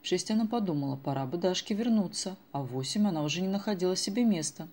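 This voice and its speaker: Low-voiced woman narrating an audiobook. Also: lively intonation, quick pace, dark tone.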